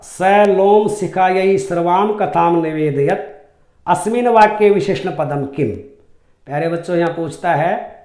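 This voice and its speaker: A male Sanskrit teacher, reading each line out and then translating it for his pupils. His voice sits a little high, and he talks slowly and deliberately. The room behind him rings with echo. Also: mellow. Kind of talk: classroom lesson explaining a Sanskrit text.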